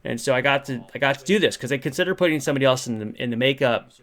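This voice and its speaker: A man's voice: medium pitch, racing, a bit bright. Middle-aged man chatting casually, rambling along. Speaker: vlogger and creature actor telling behind-the-scenes story. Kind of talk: casual storytelling to camera.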